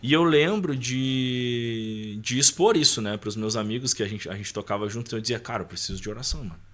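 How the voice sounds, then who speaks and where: Sharing personal stories as a podcast guest, this adult man keeps it conversational, quoting dialogue he remembers and punctuating his talk with small tag questions that seek agreement. He speaks quickly in a medium, slightly bright voice.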